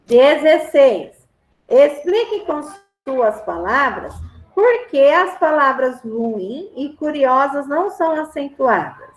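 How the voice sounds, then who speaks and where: A woman's voice: sits high, sing-song, slow. A woman with a Brazilian Portuguese accent teaching a grammar lesson to a class, patiently repeating answers and checking that everyone follows. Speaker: schoolteacher. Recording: roomy echo.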